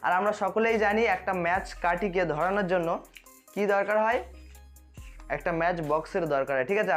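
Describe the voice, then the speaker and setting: Fast-talking host of a magic tutorial. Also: mid-range voice. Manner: addresses viewers directly, repeatedly checks they follow. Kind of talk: magic tutorial to camera, explanatory.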